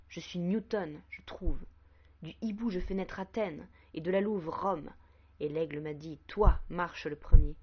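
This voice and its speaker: A woman voicing Man himself, a proud and boastful male spirit, in a solemn recited poem. The voice sits very low for a woman and is delivered in measured, declamatory lines. The recording is dull and lo-fi. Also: darkish tone, husky. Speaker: poetry reader. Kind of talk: poetry recitation.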